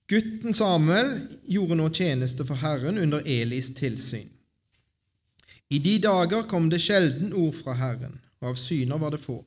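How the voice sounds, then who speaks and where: Man reading scripture to a congregation. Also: on the high side. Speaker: Bible reader at a church gathering.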